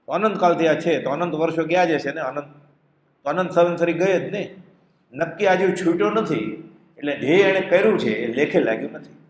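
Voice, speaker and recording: A male teacher of spiritual texts delivers an expressive, devotional discourse in a somewhat high voice. He fires off rhetorical questions and recites verses in a chanting tone. The sound carries the reverb of an echoey room.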